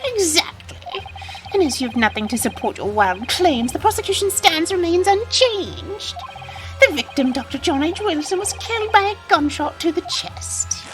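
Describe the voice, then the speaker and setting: Pompous fawning prosecutor guy, fussy and high-pitched, lady doing it. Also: very animated, normal speed, recorded from a distance, over music, rough recording. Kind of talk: fan voice dub of a game.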